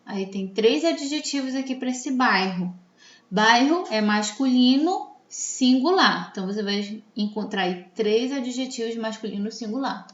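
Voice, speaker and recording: A Brazilian woman teacher with a Brazilian Portuguese accent explaining a lesson slowly and checking in with her students. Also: fairly high pitch, echoey room, lo-fi sound. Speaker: Spanish teacher. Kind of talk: recorded classroom lesson.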